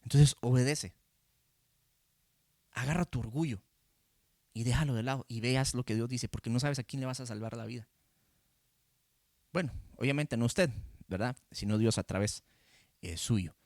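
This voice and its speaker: A man's voice: mid-range voice, moderate pace, long pauses, a little mellow, dry recording, clean studio sound. A male pastor with a Costa Rican Spanish accent, teaching a sermon in a conversational way and often checking with "¿verdad?", speaking into a handheld microphone. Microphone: handheld microphone facing a camera.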